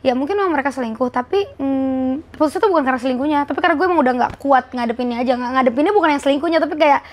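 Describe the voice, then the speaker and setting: Casting: woman, late 20s, high voice, reflective and candid host. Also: rapid-fire. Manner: reflective, emotional, informal slang. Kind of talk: casual candid conversation.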